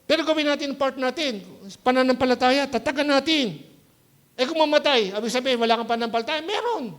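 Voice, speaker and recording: A male pastor gives a conversational sermon at a church service, speaking Tagalog sprinkled with English and often asking "Hello?" to be sure the congregation is following. His voice is very high and fairly bright, and he talks fast, weaving in anecdotes.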